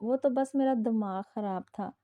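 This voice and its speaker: A woman's voice: on the high side, normal speed, no room sound, narrow, tinny audio, natural voice. A woman voicing a playful, childish and mischievous young wife with a whiny manner.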